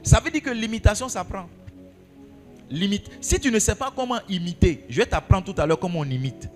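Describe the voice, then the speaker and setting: A man's voice: high-pitched, animated, fairly quick, big-room sound, faint music behind. A male pastor preaching a sermon, asking his congregation questions and repeating key phrases for emphasis.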